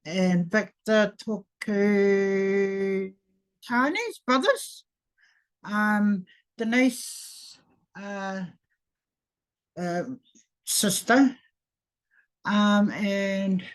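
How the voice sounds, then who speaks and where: A woman with a Māori New Zealand accent giving a casual, halting introduction of her family. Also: medium pitch, clear, resonant tone, poor audio.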